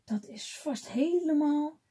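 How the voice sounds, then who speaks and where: A woman's voice: high voice, animated, takes it slowly, warm tone, pitched above the performer's own voice. A woman voicing a wary carpenter father. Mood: worried. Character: worried poor carpenter father.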